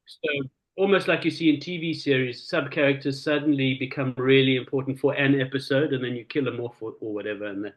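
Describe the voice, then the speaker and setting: Male author, mid-pitched, dry straight-faced humor, stop-start phrasing. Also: poor audio. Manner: dry, deadpan, halting with repeated words. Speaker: novelist guest. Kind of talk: casual interview chat.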